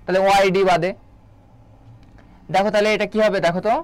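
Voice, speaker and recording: A Bangladeshi instructor's voice sits high and sounds clean, with flat delivery and no echo. Leading an online biology exam-prep session, he quizzes his class rapidly and keeps repeating important terms.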